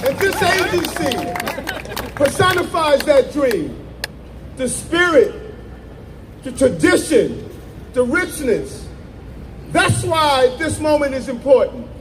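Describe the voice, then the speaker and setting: Mayor type, man, very high voice, fiery rally oratory with shouted lines, faint crowd behind. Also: big pitch swings, slow pace, long pauses, slight background noise, rough recording. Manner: fervent, often shouting. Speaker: mayor giving a speech. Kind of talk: impassioned public speech.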